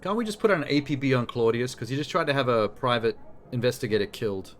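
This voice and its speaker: A man's voice: mid-range voice, lively intonation, quick pace, a little hiss or hum. A man streaming a game with casual, joking, sweary commentary. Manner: irreverent, sweary. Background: game music, keyboard typing.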